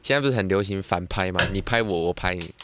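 A man's voice: sits low, quick pace, a crowd in the background. A man with a Taiwanese Mandarin accent co-hosting a casual podcast, chiming in with teasing, wisecracking questions. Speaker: podcast co-host.

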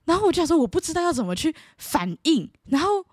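A woman's voice: sits high, big pitch swings, fast, no room sound, clean studio sound. A woman in her twenties with a Taiwanese Mandarin accent, telling playful stories in a casual vlog and laughing often. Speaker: vlogger. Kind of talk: casual storytelling.

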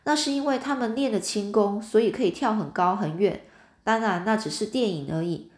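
A woman's voice: medium pitch, a little fast, close to an everyday voice. A woman voicing a friendly, playful twelve-year-old boy in a storybook reading, recorded in a roomy space. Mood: easygoing. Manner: easygoing, teasing.

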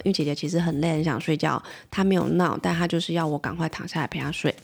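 A woman's voice: lowish voice, gravelly, a little mellow, slightly rough. A woman, a mother chattily telling a parenting story and asking the listener questions. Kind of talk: casual personal storytelling.

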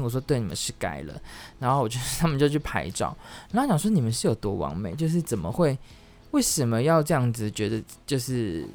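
A man, hosting a podcast and telling casual stories, animated and acting out the voices of the people he quotes. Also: mid-range voice. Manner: animated, acts out quoted voices, laughs often. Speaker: podcast host. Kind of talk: casual storytelling monologue.

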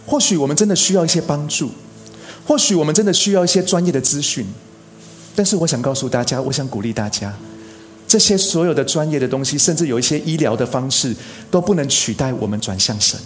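A man's voice: fairly high pitch, lively intonation, faint music behind. Earnest man preaching a sermon. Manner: earnest, preaching with emphatic rises and slow stressed phrases. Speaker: pastor.

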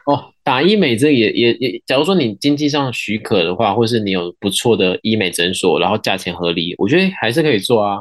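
She is a woman with a Taiwanese accent co-hosting a podcast. She talks quickly and with very lively intonation, in a casual, joking manner. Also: extremely low pitch. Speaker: podcast co-host.

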